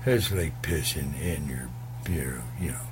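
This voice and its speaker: A man's voice: extremely low pitch, measured pace, noisy background. A man telling a rambling comic tall tale in character, full of hesitations and crude asides.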